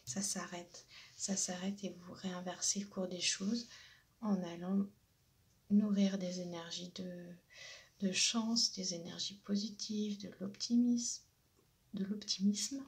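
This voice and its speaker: A woman giving a spiritual oracle card reading. She talks hesitantly with many fillers and often drops into a soft half-whisper. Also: mid-range voice, fairly even intonation, slow pace, vocal fry.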